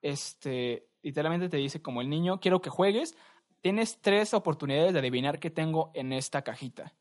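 A young man with a Mexican Spanish accent, co-hosting a podcast and telling stories in a relaxed, slangy, rambling way. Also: fairly high pitch, moderate pace. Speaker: podcast co-host. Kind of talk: casual chat.

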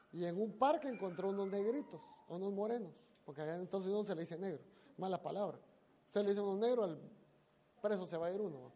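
A preacher tells a story in a sermon, dramatic, swinging between loud emphasis and hushed asides. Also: medium pitch.

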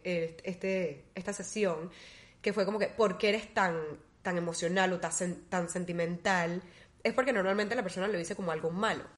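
Curious, chatty woman host asking questions. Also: mid-range voice. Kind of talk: conversational interview.

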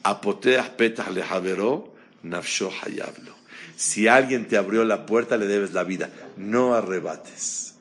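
Animated male rabbi teaching a class. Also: on the low side, measured pace. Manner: animated, asks the audience questions, mixes Hebrew terms. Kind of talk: Torah class lecture.

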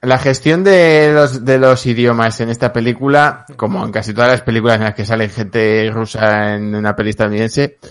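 A man, breaking down a film plot in a measured, analytical way in a casual discussion. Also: mid-range voice, fairly even intonation, clean tone. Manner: measured, analytical, many fillers.

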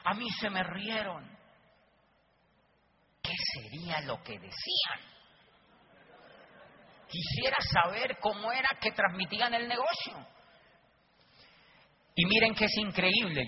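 A man with a notably high voice delivers an emphatic motivational talk, driving points home by repeating them. The sound is dull and lo-fi. A faint hiss sits underneath. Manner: emphatic, repeats key lines, addresses audience. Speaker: motivational business speaker. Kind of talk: motivational talk with acted anecdotes. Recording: dull lo-fi recording with faint noise.

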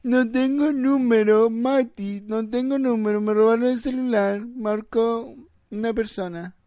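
Man doing a whiny high Chilean voice. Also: steady tone, measured pace, dark tone, no echo. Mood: mocking whine. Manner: mocking high-pitched whimper. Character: whiny panicked young man, mocked.

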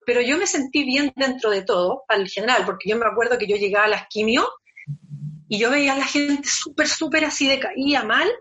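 A woman's voice: high voice, fairly quick, a bit bright. A woman journalist speaking fluently and upbeat about her treatment in an interview. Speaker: journalist guest. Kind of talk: personal interview. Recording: dull lo-fi sound.

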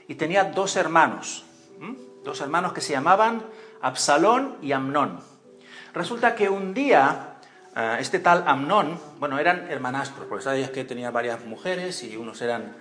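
Man preaching an animated sermon. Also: fairly high pitch. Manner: animated storytelling, acts out voices and cries, asks the congregation questions. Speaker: pastor. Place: church.

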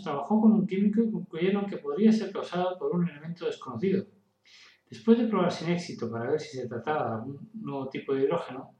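A man's voice: fairly high pitch, mellow, reverberant, far from the mic, low-quality recording. A man hosting a casual science explainer, talking loosely, restarting and stumbling on words. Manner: casual, stumbles and restarts, tells a joke as a dialogue. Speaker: host.

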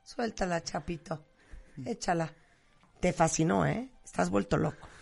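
A host in a casual chat, teasing and prompting the guest with lively questions. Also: medium pitch, unhurried, vocal fry, husky, faint music behind.

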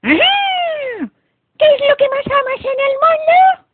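Shrieking old bad fairy. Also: female voice, big pitch swings, a little slow, full character voice. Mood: shrieking threat. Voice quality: high screechy cackle. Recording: dry, tinny phone-like, raspy.

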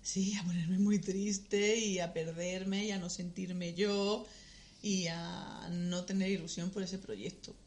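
A woman's voice: fairly low pitch, fairly even intonation, takes it slowly, a little mellow. A woman guest in a casual chat, talking frankly, swearing freely and laughing often.

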